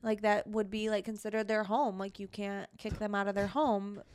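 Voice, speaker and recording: A woman's voice: mid-range voice, level tone, moderate pace, darkish tone, clean tone. A young woman co-hosting a podcast in casual chat, full of "like" fillers and casual swearing. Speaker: podcast co-host. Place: podcast studio.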